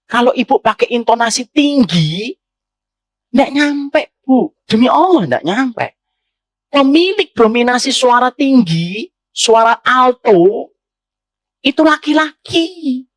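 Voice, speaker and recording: A male Islamic preacher giving a sermon to women, speaking to them directly, asking them questions and moving between low, calm passages and raised, emphatic ones. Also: a little slow, dry recording. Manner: addresses audience directly, asks them questions. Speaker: ustadz preacher.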